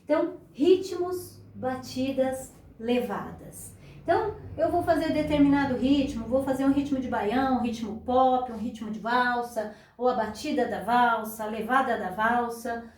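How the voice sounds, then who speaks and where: Female guitar teacher, high voice, patient step-by-step delivery, roomy distant recording. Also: unhurried, darkish tone, slight background noise. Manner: patient, explains step by step, counts beats aloud. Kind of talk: beginner guitar lesson. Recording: echoey room, voice a bit far from mic, guitar playing.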